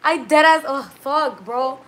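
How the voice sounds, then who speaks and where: This young vlogger of Dominican heritage sits in her bedroom at night under a blanket, chatting on a livestream and reading viewer comments aloud. She's slangy, talkative and swears a lot, with a high-pitched, fairly bright voice that moves a little slowly. A webcam or phone at arm's length picks her up.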